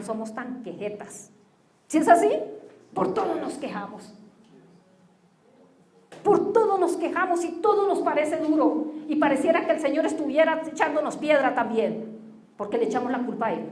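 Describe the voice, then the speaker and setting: A woman's voice: high voice, reverberant. A woman pastor preaching a sermon, asking the congregation rhetorical questions as she speaks. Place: church.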